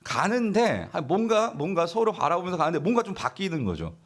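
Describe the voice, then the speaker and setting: A man's voice: high voice, very animated, a little fast. A male pastor preaching a sermon, asking the congregation questions and answering them himself, now and then acting out the grumbling of the people in the story. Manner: acts out imagined grumbling voices of the people in the story.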